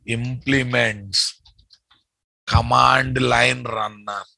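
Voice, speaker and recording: A man's voice: mid-range voice, fairly even intonation, drawn-out words, vocal fry, pushed and bright, no room sound, low-quality recording. A man with a Telugu Indian English accent teaches programming live, thinking aloud, repeating phrases and checking with his students through short questions and tags. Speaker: programming instructor.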